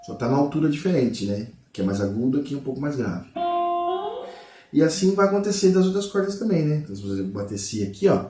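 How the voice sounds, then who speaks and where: A man teaches guitar in a relaxed, patient way, stopping often to make sure the viewer is following. He calls out the note names as he plays them. His voice sits at a middle pitch and carries a noticeable room echo, with faint guitar underneath. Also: fast talker. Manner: explains patiently, constant "tá?" and "né?" check-ins; names notes aloud while playing. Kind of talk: casual guitar lesson. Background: guitar playing.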